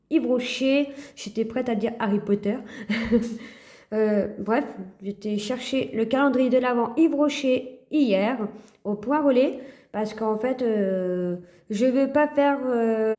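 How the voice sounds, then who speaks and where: A woman vlogging casually to camera, speaking hesitantly with many pauses and restarts, filmed on a phone. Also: fairly high pitch, mellow.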